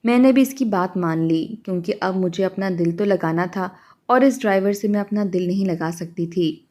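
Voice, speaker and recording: A woman telling a first-person story in a steady, confiding way. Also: mid-range voice.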